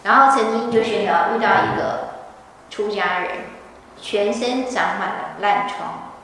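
A woman's voice: medium pitch, a little slow, fairly bright tone, a little hiss or hum. A woman giving a scripture lecture, telling the story animatedly. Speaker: religious teacher. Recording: echoey hall from far off.

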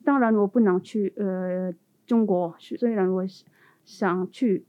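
Female interview guest, foreigner speaking accented Mandarin, halting and simple, on a muffled narrow-band line. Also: mid-range voice, steady tone, warm tone. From India. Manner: non-native Mandarin speaker, halting, simple phrasing with repetitions. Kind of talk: conversational interview answers. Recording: muffled narrow phone-like sound.

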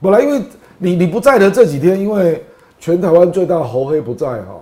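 A man's voice: high voice, lively intonation, brisk, dark tone. A man with a Taiwanese accent giving casual political commentary as a guest, colloquial and emphatic, with particles closing his phrases.

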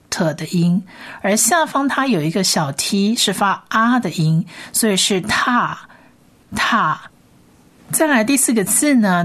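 A woman teacher leading a Bible Hebrew reading lesson, slowly and patiently sounding out each letter. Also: mid-range voice. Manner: slow, patient spelling-out of sounds.

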